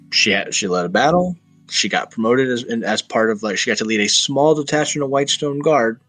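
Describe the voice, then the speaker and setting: A man hosting a casual podcast chat, his lowish voice husky and breathy at the edges. He talks with a forceful, tense push, rambling from joke to joke in loose banter. Faint music sits behind him. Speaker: podcast host.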